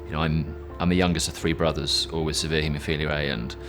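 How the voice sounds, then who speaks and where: A very deep-voiced man speaks earnestly and reflectively in a documentary interview. He pauses and restarts now and then as he thinks, over a strong music bed. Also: level tone, fairly bright tone. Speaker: interviewee, endurance athlete. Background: background music.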